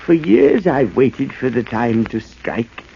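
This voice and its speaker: An actor playing a deranged, grandiose villain in a 1940s radio drama, with a halting, theatrical, gloating delivery. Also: male voice, medium pitch, sing-song, vocal fry, heavily acted. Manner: theatrical, halting, cackling madman. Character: deranged villainous old-time wax artist, gloating and grandiose. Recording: muffled, noisy old radio recording.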